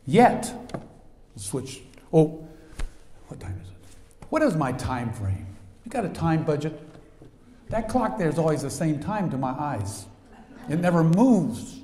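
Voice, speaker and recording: A man preaching a sermon as pastor, telling a story with lively sound effects and swings in energy. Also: a little high, a little slow, long pauses. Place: church sanctuary. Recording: echoey church hall.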